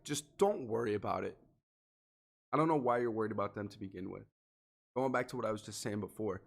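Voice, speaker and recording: A podcast host with a lowish voice runs a solo motivational show, speaking earnestly and directly to the listener. He sounds a little sniffly and congested from allergies.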